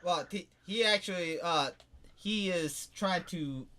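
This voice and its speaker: Podcast guy trash-talking casually, bright crisp voice, dry room. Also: high-pitched, takes it slowly, no room sound. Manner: blunt, mocking, joking. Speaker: podcast co-host.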